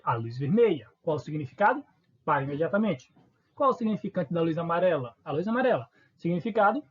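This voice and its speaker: A man from Northeast Brazil, speaking with a Northeastern Brazilian Portuguese accent, teaches a recorded online lesson informally, posing questions and answering them himself. His voice sits high and slightly rough, and the recording is muffled.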